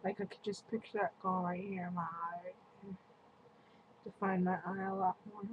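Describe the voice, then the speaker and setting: A beauty vlogger with a somewhat low, level voice gives a casual makeup product review, chatty, slow, and meandering, with lots of "like." Her webcam mic gives phone-quality sound with faint room noise.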